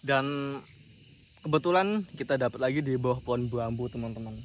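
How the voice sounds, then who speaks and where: Male outdoor vlog host, medium-pitched voice, casual chat, night insects audible behind. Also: fairly even intonation, moderate pace. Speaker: host of a camping horror channel. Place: outdoors at a night campsite under bamboo. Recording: clear night insect noise around voice. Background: crickets and insects.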